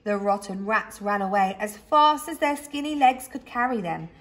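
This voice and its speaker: A woman reads a children's story aloud with a teacher's flair, using dramatic pauses and emphasis. Her voice sits in the mid-range and is full of expression.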